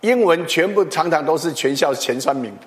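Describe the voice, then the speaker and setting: High-voiced pastor in a hall. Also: male voice, moderate pace. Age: middle-aged. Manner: animated, chatty, with tag particles and restarts. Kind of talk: storytelling sermon. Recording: long hall reverb.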